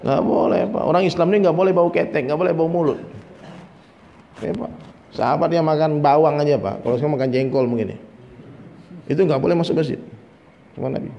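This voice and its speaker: A man's voice: on the high side, fairly quick, pauses often, dull audio. A man preaching a dawn sermon in a conversational way, often addressing listeners directly, joking and mimicking people. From Minangkabau, West Sumatra. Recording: faint noise, long hall reverb.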